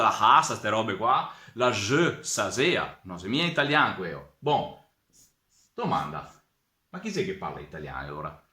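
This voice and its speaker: A man with a Venetian accent teaches diction in a loose, lively way. His pitch swings a lot, and his bright, forceful tone comes with a roomy echo. He keeps exclaiming and dropping dialect words into his lesson. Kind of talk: informal spoken lesson.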